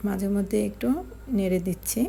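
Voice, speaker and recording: Gravelly woman explaining a home recipe. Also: mid-range voice, little pitch movement, dark tone, slight background noise. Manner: slow, step-by-step explaining with fillers. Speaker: cooking channel host. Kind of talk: home cooking tutorial narration.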